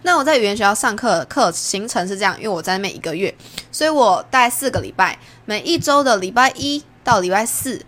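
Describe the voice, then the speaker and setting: A young woman from Taiwan with a Taiwanese Mandarin accent, hosting a podcast and chatting through a personal story, jumping up in pitch when she acts out what people said. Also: lively intonation, fast talker, fairly bright tone. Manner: chatty, acts out quoted lines with big pitch jumps. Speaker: podcast host. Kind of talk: casual storytelling monologue.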